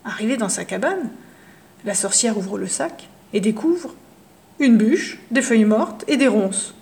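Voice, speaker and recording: A woman reading a children's story aloud, lively and expressive, hushing for suspense. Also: a little high, measured pace.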